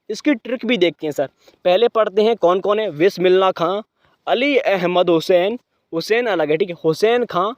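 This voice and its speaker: A young man runs a brisk exam-prep lesson in a high voice, drilling memory tricks over and over and answering his own questions in a lower voice. The sound is dry and close, slightly dull. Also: no room sound. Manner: quizzes himself and answers in a lower voice; repeats mnemonics, brisk and chatty.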